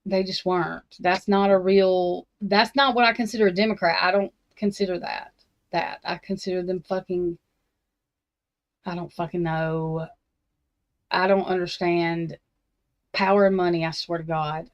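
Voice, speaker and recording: A woman's voice: lowish voice, fairly even intonation, a little slow. A woman hosting a true crime talk stream, ranting bluntly and profanely in a casual, rambling way full of restarts and slangy Southern-tinged grammar. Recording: slightly dull, lo-fi sound.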